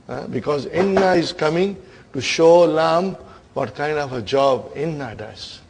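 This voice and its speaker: A man's voice: fairly high pitch, unhurried, gravelly, background noise. A man teaching an Arabic grammar lesson, engaging his class with frequent check-in questions and addressing them as brothers and sisters.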